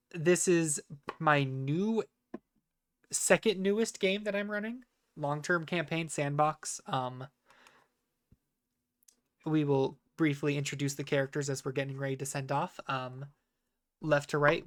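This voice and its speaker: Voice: mid-range voice, fairly even intonation, slow pace, pauses often. A game master running a tabletop game on stream, talking loosely with lots of fillers. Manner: loose, filler-heavy, easygoing. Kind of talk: casual tabletop game narration.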